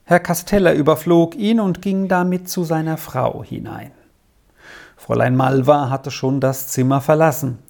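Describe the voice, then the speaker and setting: An audiobook narrator reading a children's novel in calm, measured storytelling. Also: mid-range voice, creaky.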